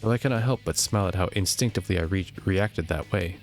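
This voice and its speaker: A young man with a low, deep voice reads a game's story text aloud at a steady pace. He occasionally trips over words and jokes about it, with faint game music in the background. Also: fast. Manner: steady reading, jokes about own slips. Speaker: gameplay narrator.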